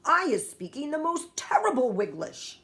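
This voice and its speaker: A woman's voice: high voice, wildly swooping pitch, moderate pace, a bit bright, slight background noise, voice pushed up, full character voice. Woman doing the BFG, a jolly word-muddling giant. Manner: jumbled made-up words, eager. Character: big kindly male giant, muddled with words. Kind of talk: storybook reading.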